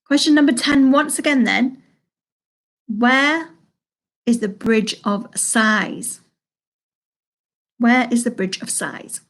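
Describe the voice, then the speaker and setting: A woman hosting a live pub quiz from home, chatty, reading each question slowly and repeating it. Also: on the high side. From Salford, England. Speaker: quiz host.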